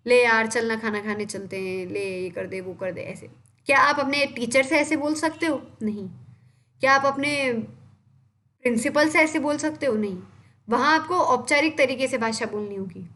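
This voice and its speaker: High-voiced woman teaching a lecture. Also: a bit bright. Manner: explanatory, asks and answers own questions. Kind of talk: exam-prep lecture.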